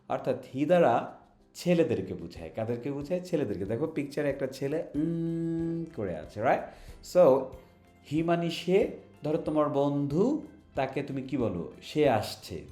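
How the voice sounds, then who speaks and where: A man's voice: mid-range voice, warm tone, roomy sound. A Bangladeshi man teaching children English in an online lesson, patient, asking questions and having them repeat words.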